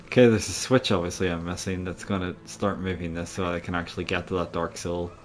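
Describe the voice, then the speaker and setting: A man's voice: low voice, steady tone, a little fast. A man giving casual, sweary, joking gameplay commentary to a friend. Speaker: gamer playing through a video game.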